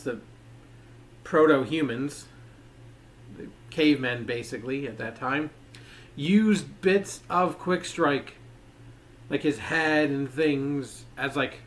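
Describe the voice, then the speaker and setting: A man giving a casual toy review, rambling and leaning on filler words. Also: fairly high pitch.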